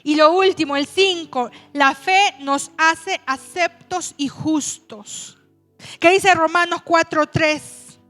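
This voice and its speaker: A woman pastor preaching a sermon, telling a personal story in a chatty way and slowing down to stretch words for emphasis. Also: very high-pitched, fairly bright tone, soft background music.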